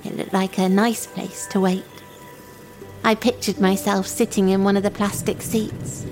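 A woman's voice: mid-range voice, little pitch movement, unhurried, over music, natural voice, poor audio. A woman playing a lonely, timid young runaway in an audio drama monologue, speaking in simple, naive, confiding phrases. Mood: hopeful, wistful. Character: lonely, timid young runaway waiting for a train, childlike and wistful.

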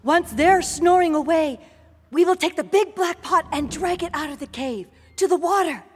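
A woman playing a calm, brave mother, very high voice. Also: normal speed, long reverb tail. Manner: soft, steady and reassuring.

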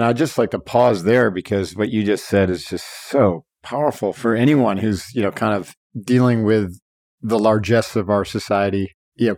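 A man's voice: fairly low pitch, darkish tone, dry recording. Enthusiastic man hosting a dry-sounding chat. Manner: enthusiastic, chatty, loose with fillers. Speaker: podcast host. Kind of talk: casual interview chat.

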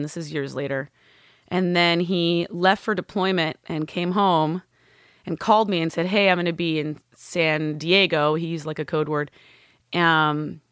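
A woman's voice: low voice, a bit bright, dry recording, studio quality. A woman from California, a guest on a talk show, telling her story in a chatty, candid way. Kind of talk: casual storytelling.

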